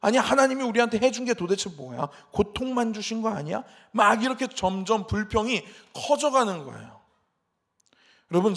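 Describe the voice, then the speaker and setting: A man's voice: high voice, gravelly. A male pastor preaching an emphatic sermon, acting out the people's complaints in quoted voices.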